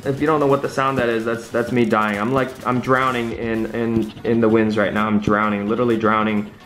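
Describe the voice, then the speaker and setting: A man's voice: medium pitch, level tone, a little fast, fairly bright tone, faint music behind. A man hosting a vlog with casual play-by-play, half talking to himself and repeating phrases. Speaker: scratch-ticket vlog host.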